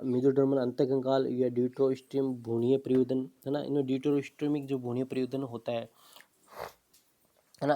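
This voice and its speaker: A man's voice: mid-range voice, dark tone. A man teaching an exam-prep biology lesson, explaining step by step, repeating terms and asking himself questions. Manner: drops in fillers, "ठीक है" and "है ना".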